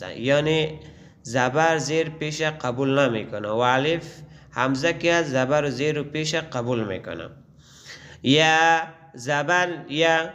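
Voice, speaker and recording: A man teaching a Quran reading lesson. He recites letters slowly and drawn out, then explains the rules patiently. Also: on the high side, a bit bright, a little hiss or hum.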